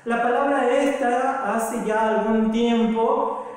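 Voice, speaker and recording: A woman's voice: fairly high pitch, fairly even intonation, slow, a little mellow. A woman from South America teaching a recorded grammar lesson, explaining patiently, repeating examples and checking in with the listener. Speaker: language teacher. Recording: echoey room with long reverb.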